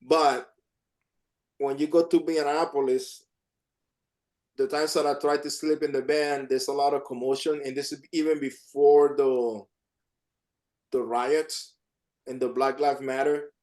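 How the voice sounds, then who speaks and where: A man's voice: medium pitch, flat delivery, measured pace, long pauses, darkish tone. A man, an artist, chatting casually and rambling on a video call, often repeating himself. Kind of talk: casual chat.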